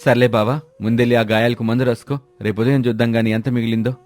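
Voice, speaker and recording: A man voicing a cautious, kind-hearted village farmer who speaks in a steady, earnest way. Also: mid-range voice, fast, faint music behind, lightly acted. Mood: kindly. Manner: steady, earnest, shouts commands when urgent.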